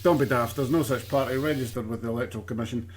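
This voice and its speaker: A man's voice: medium pitch, racing. A man hosting a satirical news show, with dry, sardonic commentary.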